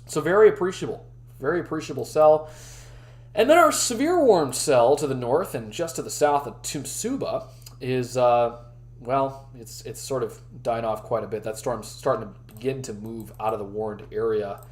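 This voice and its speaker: A man hosting a live weather briefing stream, chatting with his viewers while his voice is going hoarse. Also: mid-range voice, lively intonation, normal speed, darkish tone. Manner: chatty, talks to the live chat. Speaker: weather livestream host.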